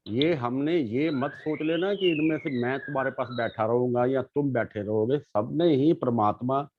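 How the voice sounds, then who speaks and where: A middle-aged man, a guest sharing his life story in casual conversation, reflective and earnest, often pausing and restarting. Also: mid-range voice. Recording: dull lo-fi sound.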